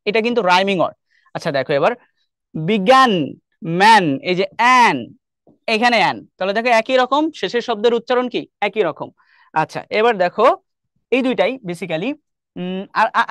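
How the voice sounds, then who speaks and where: A man's voice: high-pitched, clean tone, no room sound, clean studio sound. A young man with a Bangladeshi Bengali accent teaching an online English class, explaining step by step and quizzing his students often. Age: young adult.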